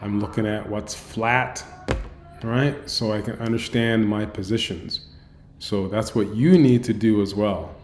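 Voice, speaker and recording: Emphatic low-voiced trading coach, echoey room. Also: male voice, fairly even intonation, a little slow, noisy background. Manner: emphatic, repeats phrases, tags lines with "right?". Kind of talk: end-of-day trading recap over a screen share.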